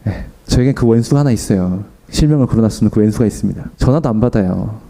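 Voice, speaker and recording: Young male preacher; rapid, animated sermon delivery with a dark, mellow tone; acts out quotes with humor. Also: vocal fry. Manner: storytelling with acted-out quotes and self-deprecating humor; animated, pitch jumps up for emphasis.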